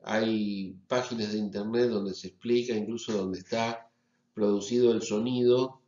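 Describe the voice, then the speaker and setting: A man's voice: on the low side, steady tone, measured pace, mellow. A man with a Rioplatense accent giving a phonetics lecture, explaining step by step and often checking in with the class. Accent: Rioplatense Spanish. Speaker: university lecturer. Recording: echoey, slightly dull recording.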